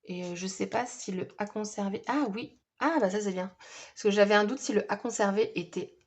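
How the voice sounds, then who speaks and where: A woman's voice: mid-range voice, brisk. Chatty woman, hesitant filler-heavy talk. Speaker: scrapbooking vlogger. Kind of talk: casual haul video.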